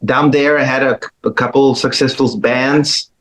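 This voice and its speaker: A middle-aged man from Chile, a guitarist telling his story as a guest in a casual interview, easygoing, with pauses and restarts. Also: mid-range voice, fairly even intonation, fairly bright tone, poor audio.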